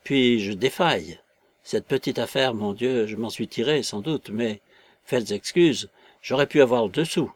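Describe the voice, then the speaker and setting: A man's voice: mid-range voice, a little slow, dry recording, lightly acted. A man playing a whining, cowering tramp. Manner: plaintive, cowering, self-pitying. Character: whining, timid tramp, middle-aged man.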